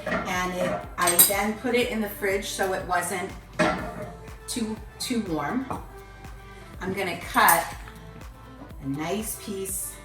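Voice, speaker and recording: A woman's voice: mid-range voice, slow pace, long pauses. Chatty woman hosting a cooking show. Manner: chatty, explains each step. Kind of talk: casual cooking demonstration. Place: kitchen. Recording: echoey room, mic far off, background music.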